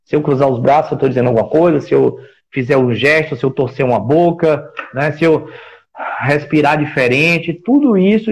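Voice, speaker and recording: A man with a Brazilian Portuguese accent giving a reflective explanatory talk in a live stream, often restarting phrases and posing rhetorical questions. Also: on the high side. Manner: reflective, searching for words, with frequent restarts; builds points with rhetorical questions. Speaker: speaker on workplace listening.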